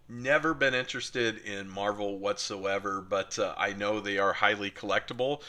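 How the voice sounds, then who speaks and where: A man's voice: lowish voice, bright, forceful tone. A middle-aged man from the United States chatting casually and enthusiastically as he opens collector mail, with many fillers. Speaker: card collecting channel host. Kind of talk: casual unboxing chat.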